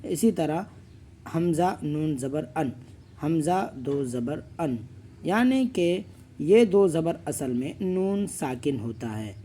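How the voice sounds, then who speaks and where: High-voiced man drilling letter sounds. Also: animated, dark tone, slight background noise. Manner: drills each letter slowly, then explains rules quickly. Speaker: Quran reading teacher. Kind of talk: slow letter-by-letter recitation lesson.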